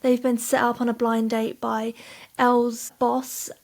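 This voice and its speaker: A woman's voice: a little high, level tone, a little slow, vocal fry. A woman co-hosting a podcast, chatting casually and recapping book plots at length. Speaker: podcast co-host. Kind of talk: casual chat about books.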